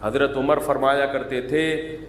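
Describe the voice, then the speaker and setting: A man's voice: mid-range voice, little pitch movement, a little hiss or hum. Man giving an echoey religious talk. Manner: humorous, imitates drawn-out calls to prayer. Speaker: Islamic scholar. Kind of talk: conversational Urdu religious talk. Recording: echoey hall, faint ambience.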